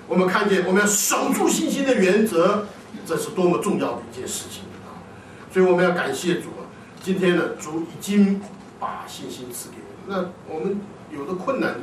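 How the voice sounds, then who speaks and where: A man's voice: high-pitched, a little hiss or hum. Man preaching a sermon in an echoey hall. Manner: animated, often asks the congregation questions and answers them himself. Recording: echoey hall, distant mic.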